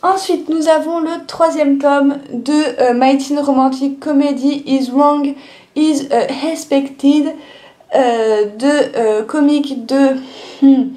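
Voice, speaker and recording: A young woman with a high but mellow voice, talking through her manga haul in a loose, chatty way. She pads her sentences with little fillers and restarts as she goes. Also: fairly even intonation, slow pace. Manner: chatty, lots of "euh" and "du coup" fillers. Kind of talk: casual haul video chat.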